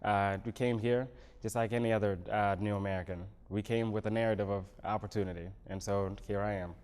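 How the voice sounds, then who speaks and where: Speaking in a measured way with frequent pauses, a city council candidate from Senegal responds to questions in a local TV studio. His fairly low voice is steady, darkish, clear and resonant.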